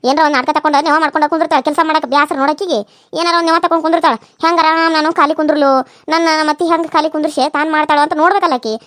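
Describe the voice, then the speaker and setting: A woman's voice: high voice, fairly even intonation, rapid-fire, a bit bright, dry recording, clean studio sound. A woman voicing a scheming middle-aged mother-in-law in a cartoon serial, scornful and dismissive.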